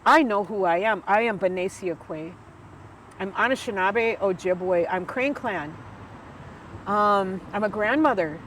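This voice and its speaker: In a slow, mid-range, slightly bright voice, an Ojibwe elder and guest, an American woman in her sixties, tells stories conversationally, earnest and heartfelt with many fillers and restarts. The audio is poor, carrying a little hiss or hum.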